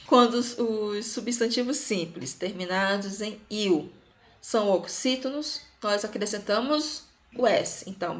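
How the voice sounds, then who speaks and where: A Brazilian woman teaching grammar rules, explaining patiently and checking in with "ok?" after each point. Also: a little high. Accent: Brazilian Portuguese.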